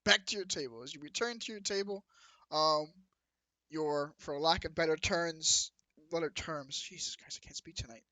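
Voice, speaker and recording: A man runs a tabletop game as game master, narrating scenes in a fairly high voice. He rambles and corrects himself often. The recording is dry and close. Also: normal speed, pushed and bright, dry recording.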